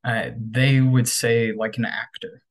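A man explains grammar in an easygoing, unhurried way, stretching out his words. He leans on fillers and keeps checking in with "right?". His voice sits at an ordinary middle pitch. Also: poor audio. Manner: relaxed, filler-heavy, frequent "right?". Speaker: English teacher, podcast host. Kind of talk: casual podcast lesson. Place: home bedroom workstation.

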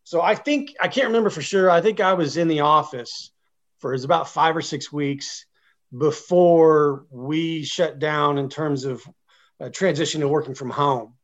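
A man's voice: a little high, normal speed, lo-fi sound. A man, a guest chatting casually and rambling a little with many fillers. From Oklahoma. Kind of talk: casual interview chat.

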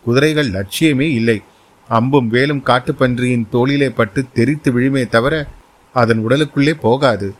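A man's voice: medium pitch, fairly even intonation, moderate pace, close to an everyday voice. A man voicing a nervous young nobleman who urgently pleads and warns of danger in a spoken story. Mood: alarmed.

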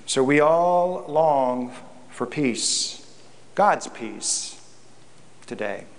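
A man's voice: mid-range voice, lively intonation, drawn-out words. A man, a pastor, preaching a reflective sermon in a church, often repeating words as he goes.

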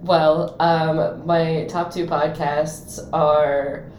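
A young woman from Ohio co-hosting a casual podcast, with dry, deadpan humor. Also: low voice, drawn-out words. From Ohio, USA. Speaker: podcast co-host. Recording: roomy, faint background noise.

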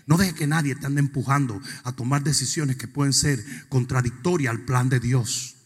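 A male pastor preaching a sermon. He swings from quiet asides to shouted, sing-song preaching. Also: mid-range voice, moderate pace, husky. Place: church sanctuary. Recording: long reverb of a church hall.

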